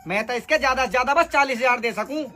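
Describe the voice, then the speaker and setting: A man's voice: extremely high pitch, quick pace, pushed and bright, soft background music. A man, acting in a comic sketch as a brash, haggling dealer. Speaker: comedy sketch actor.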